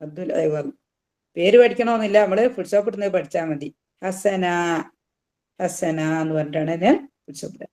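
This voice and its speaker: A recitation teacher talks through each rule in a patient lesson. The voice sits at an ordinary middle pitch. Words get drawn out slowly and said twice, with English terms mixed in. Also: mellow. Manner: patient, slows right down to demonstrate each word. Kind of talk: tajweed lesson explaining recitation rules.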